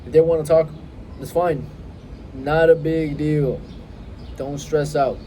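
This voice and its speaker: Holding a phone close, a young man in his twenties coaches viewers directly in an advice vlog, stressing points confidently and pausing deliberately. He's a self-improvement coach with a slightly high, warm, mellow voice and fairly even intonation, while faint outdoor noise hums underneath.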